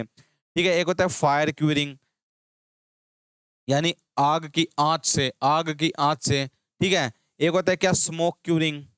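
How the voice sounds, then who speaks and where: Brisk male tutor drilling terms. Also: fairly high pitch, clear, resonant tone, dry recording. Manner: drills terms with repeated call-and-response questions. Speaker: agriculture teacher. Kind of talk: exam-prep lecture.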